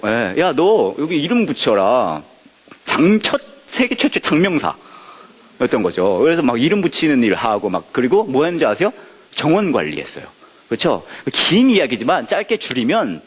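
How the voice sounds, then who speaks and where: A man's voice: medium pitch, normal speed, slightly rough, big-room sound. A male pastor teaching a Bible study, who keeps asking the audience questions and joking. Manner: lively, asks the audience questions and jokes.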